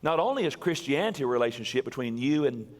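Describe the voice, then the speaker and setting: A middle-aged male pastor giving a sermon in a church, animated and quoting people in acted voices. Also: mid-range voice, fast. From US South. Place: church sanctuary. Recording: long church reverb.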